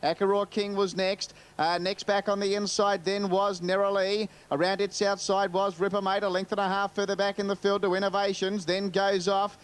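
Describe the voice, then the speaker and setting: A man's voice: sits high, flat delivery, normal speed, hardly any pauses, clear, resonant tone. A man with an Australian accent giving live horse racing commentary.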